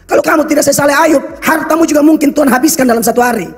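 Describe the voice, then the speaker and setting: A pastor with a Kupang accent, preaching a blunt, scolding sermon full of local slang. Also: male voice, very high-pitched, very fast. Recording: reverberant hall with faint music.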